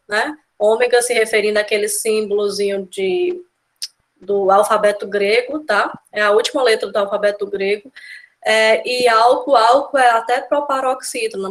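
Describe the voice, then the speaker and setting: A woman with a Brazilian accent teaching an exam-prep grammar lesson, explaining step by step and often checking in with her students. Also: on the high side. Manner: explanatory, keeps adding "né?" and "tá?" checks. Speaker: Portuguese teacher.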